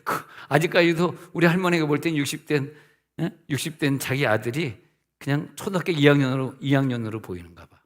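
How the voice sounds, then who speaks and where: A middle-aged male pastor delivers a sermon with a slightly high voice. He talks to the congregation as if in conversation, fires rhetorical questions at them, and slips into the voices of the people he quotes. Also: fairly quick. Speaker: senior pastor.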